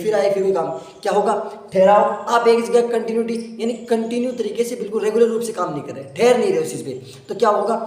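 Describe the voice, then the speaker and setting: A man teaching a class, who repeats his points and asks the class questions before he answers them himself. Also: sits high. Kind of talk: classroom lecture on psychology. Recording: echoey room, voice from a distance.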